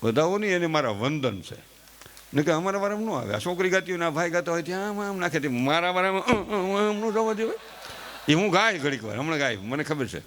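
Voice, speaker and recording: A man's voice: high-pitched, animated, quick pace, fairly bright tone, slight background noise. A middle-aged man, giving a chatty folksy comedy monologue on a live stage and talking straight to the audience. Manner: chatty, addresses the audience directly, acts out quoted family members.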